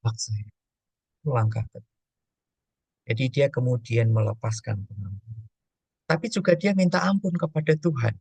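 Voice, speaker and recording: A man's voice: medium pitch, moderate pace, vocal fry, pauses often, a little mellow, breathy edge, dry recording. A man, a pastor, teaching on emotions and prayer, telling a story and acting out prayers and dialogue.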